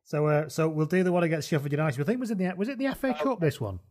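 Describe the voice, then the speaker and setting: A man leads a relaxed football podcast conversation and laughs easily between points. His voice sits a little higher than most men's. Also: racing. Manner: chatty, laughs often. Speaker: podcast host. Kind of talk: casual chat.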